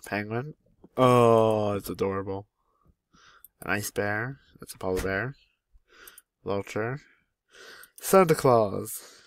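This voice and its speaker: A man's voice: on the low side, fairly even intonation, slow pace, pauses often, no echo. A young man at home casually commenting on a game mod, chatty and easily delighted as he names each animal that appears. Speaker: gaming YouTuber.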